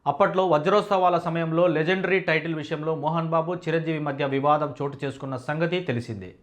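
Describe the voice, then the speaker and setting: Guy narrating movie news voice-over, kinda high pitched, even formal read. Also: a little fast. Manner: steady formal reading.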